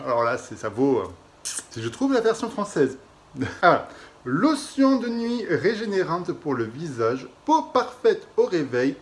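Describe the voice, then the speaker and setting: Young adult man, French accent, expressive casual vlogger, slightly high pitch, light background noise. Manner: chatty, expressive, laughs and exaggerates. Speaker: beauty vlogger. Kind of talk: casual product review vlog.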